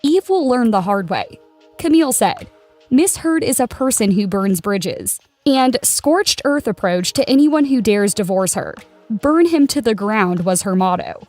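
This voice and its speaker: A woman's voice: a little high, animated, a little slow, darkish tone. Woman narrating over music. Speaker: narrator of a celebrity news channel. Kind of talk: scripted narration.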